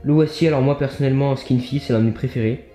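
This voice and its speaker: A man's voice: medium pitch, fairly even intonation, racing, mellow, roomy sound, faint music behind. A young man with a French accent chatting casually while showing his toy collection in an upbeat vlog. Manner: chatty, upbeat, many fillers and asides.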